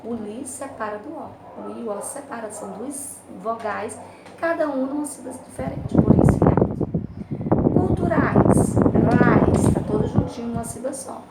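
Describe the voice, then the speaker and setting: A Brazilian woman teacher giving a remote class from home, going through a grammar exercise patiently, checking in with the students and drawing syllables out slowly. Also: fairly high pitch. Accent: Brazilian Portuguese. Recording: roomy, distant home recording with loud background noise.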